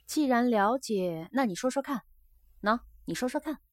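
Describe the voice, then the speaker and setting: Woman doing a young geisha, pleading and pushy, voice lifted higher and louder than the narration, dry sound with no room in it. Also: lively intonation, normal speed, dry recording, lightly acted. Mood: earnest. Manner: earnest, coaxing and insistent.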